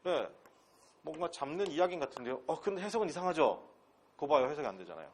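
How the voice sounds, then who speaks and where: Lecturing quickly in a husky, slightly breathy and somewhat mellow voice, a Gyeongsang-dialect English teacher from Pohang, South Korea, works a transfer-exam academy classroom. His pitch rises and falls freely as he shoots rhetorical questions at students, keeping things blunt and casual with some crude slang.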